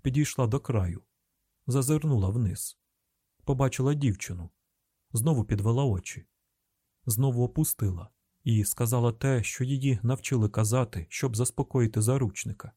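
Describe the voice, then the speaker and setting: A male narrator with a Ukrainian accent tells the story in a tense, measured voice. His tone is warm and dark, recorded dry and close to the mic. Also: medium pitch, slightly rough, no echo. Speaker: audiobook narrator. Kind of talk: scripted narration.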